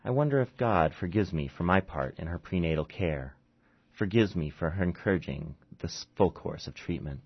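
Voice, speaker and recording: A man, an author, reads his own short story aloud and chats haltingly with fillers between readings, in a dull lo-fi recording. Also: low voice, animated, husky. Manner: halting, with fillers, when chatting.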